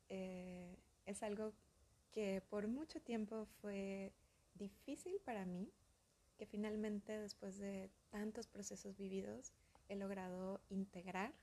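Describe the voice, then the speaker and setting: Soft-spoken woman with a husky, mellow voice. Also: mid-range voice. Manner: soft, slow, often breathy and whispery. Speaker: podcast host. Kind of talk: calm reflective podcast monologue.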